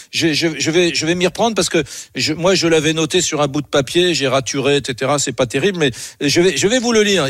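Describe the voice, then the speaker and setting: A male talk radio host who speaks in an animated way and often stumbles into restarts. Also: high voice, no echo, clean studio sound. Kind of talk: radio talk show chat.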